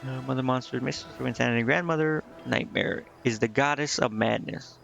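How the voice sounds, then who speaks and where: There's vocal fry in this man's medium-pitched, fairly bright voice, and he talks fairly quickly while streaming a game. He reads the dialogue aloud with offhand commentary, occasionally misreading and then correcting himself. Game music plays in the background.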